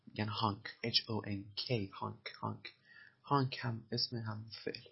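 A man with a low, gravelly, husky voice walks through film lines as an English lesson, repeating phrases and spelling words out letter by letter. The recording is dull and lo-fi. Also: steady tone. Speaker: English teacher. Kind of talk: explaining film dialogue in a language lesson.

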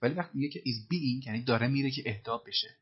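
A man teaching English, who slowly repeats phrases from film dialogue and then explains them. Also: mid-range voice, slightly rough, lo-fi sound.

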